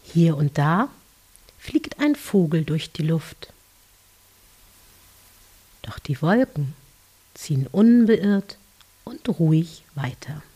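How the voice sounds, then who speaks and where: A woman guides children through a dream journey in a soft, soothing voice. Her tone is mellow and breathy, often close to a whisper. She reads very slowly and gently, leaving long, calm pauses between phrases. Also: low voice. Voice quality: soft, breathy, hushed, at times near whisper. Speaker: narrator of guided relaxation for children.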